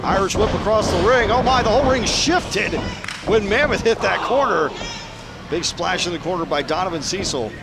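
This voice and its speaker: A man's voice: sits high, animated, normal speed, very noisy. A man calling live wrestling action as the play-by-play commentator, emphatic and speaking in short bursts. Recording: loud music behind commentary.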